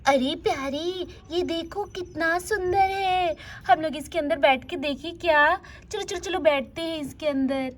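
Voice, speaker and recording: A woman's voice: very high voice, unhurried, hardly any pauses. A woman voicing two mischievous little girls who chatter eagerly in a doll story. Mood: excited.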